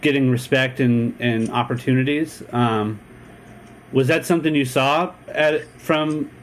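A man's voice: medium pitch, unhurried, a little hiss or hum. A man from San Diego hosting a casual interview, laid-back and rambling, swearing casually. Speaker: podcast host.

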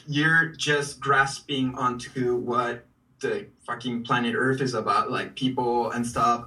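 A man's voice: mid-range voice, sharp tone, recorded from a distance, low-quality recording. A man who grew up in Peru, chatting loosely as a guest artist over a video call, swearing freely and laughing as he talks. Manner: loose, profane, laughing storyteller. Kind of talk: casual chat.

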